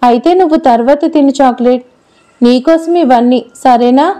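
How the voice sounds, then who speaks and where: A woman's voice: sits high, moderate pace, warm tone, lightly acted. A woman voicing a chatty, affectionate little girl who pouts and prattles in a storybook reading. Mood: eager. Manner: pouting, childlike chatter.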